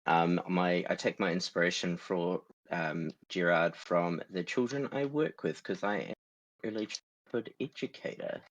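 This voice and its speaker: A man's voice: low voice, moderate pace, no echo. A man introducing his character in a plain, slightly hesitant way. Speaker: player, early childhood educator. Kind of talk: casual self-introduction.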